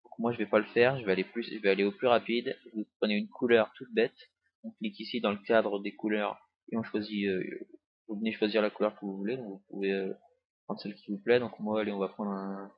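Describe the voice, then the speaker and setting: A young man giving a casual software tutorial, rambling with many hesitations and small jokes, recorded on a cheap desktop mic. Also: fairly low pitch, steady tone, brisk, husky. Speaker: tutorial maker. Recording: dry, dull lo-fi home recording.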